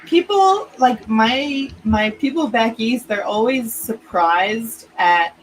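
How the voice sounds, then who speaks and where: A woman's voice: a little high, expressive, slow, a little hiss or hum, low-quality recording. A woman hosting a casual writing chat over a video stream, talking in loose, laughing stories with trailing restarts.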